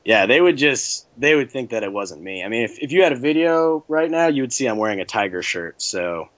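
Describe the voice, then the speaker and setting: A man's voice: mid-range voice, very animated, a little fast, a bit bright, no room sound, muffled recording. A man chatting casually as an interview guest, joking and laughing easily. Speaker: guest, sound designer.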